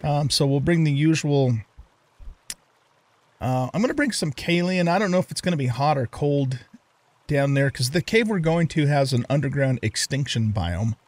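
A man's voice: fairly high pitch, lively intonation, moderate pace, darkish tone. An older man hosting a let's play, chatting casually and thinking aloud with lots of fillers as he plays. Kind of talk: casual gameplay commentary.

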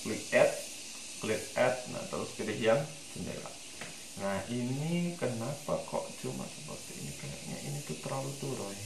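A man of mid pitch talks through a 3D modeling tutorial step by step, pausing often with fillers as he thinks aloud. His voice carries a roomy echo, and a steady hiss sits under it. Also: gravelly. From Indonesia. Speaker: tutorial instructor. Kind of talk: screen-recorded software tutorial.

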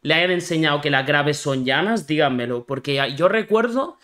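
A man's voice: a little high, expressive, normal speed, fairly bright tone. Spanish man explaining things with many fillers. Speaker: streamer reacting to a video. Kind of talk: casual live reaction commentary.

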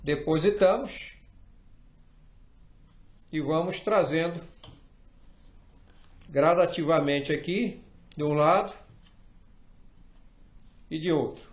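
In a small indoor workshop room, a middle-aged Brazilian man gives a hands-on tutorial on building fly rods, patient and methodical, often checking in with the viewer as he works. His voice is a little high, and he speaks slowly with frequent pauses. He sits far from the mic, and the room is echoey.

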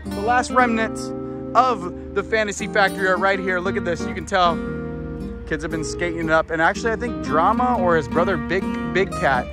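A man in his thirties with a fairly high voice tells a story on an outdoor walking tour, talking into a camera held at arm's length. He is excited and rambling, full of fillers, with loud music under his voice. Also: moderate pace. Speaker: vlogger. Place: outdoors on a street by industrial warehouses.

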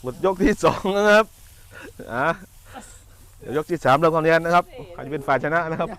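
A man giving excited live boxing commentary, urgent and repeating short exclamatory calls. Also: a little high, a little fast.

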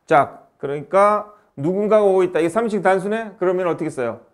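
A man teaching an English grammar lesson, brisk and quizzing his student as he goes. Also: high voice, lively intonation.

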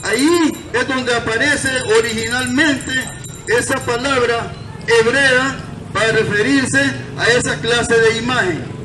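Standing in an outdoor gazebo in a town square, a high-pitched Salvadoran man preaches to the open air, breaking his scripture explanation into short, deliberate, declamatory lines. A camera records him from far away. The result is distant and echoey, with a noisy mix of crowd and traffic behind him.

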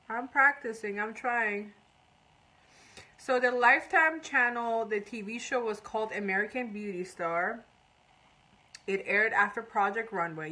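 Working in a small indoor room before a curtain, a makeup artist from Iran in her thirties hosts a live tutorial, chatting casually and reading out comments from viewers. Her mid-range voice is bright and forceful, though the audio is poor.

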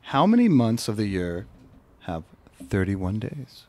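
A man's voice: on the low side, wildly swooping pitch, unhurried, a little mellow. A man reading out trivia questions to friends in a casual chat show, giving playful hints. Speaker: quizmaster.

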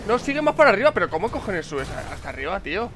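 A man from Spain commentating his own racing game live, excitable and swearing, repeating words in rapid bursts. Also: sits high. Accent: Spain Spanish. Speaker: gameplay commentator. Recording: faint game noise behind.

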